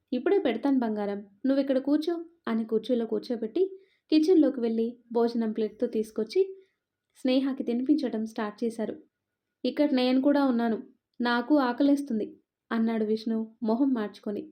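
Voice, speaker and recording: A woman narrating a love story and acting out every character's lines with expressive delivery. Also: on the high side. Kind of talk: scripted story narration with acted dialogue. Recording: dull lo-fi audio.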